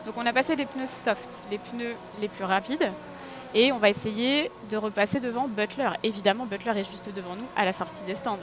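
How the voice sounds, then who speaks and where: Excitable woman streamer over engine noise. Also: mid-range voice, moderate pace. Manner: excitable, talks to her audience, yelps and self-mocks. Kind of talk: live gameplay commentary. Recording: racing game engine noise behind.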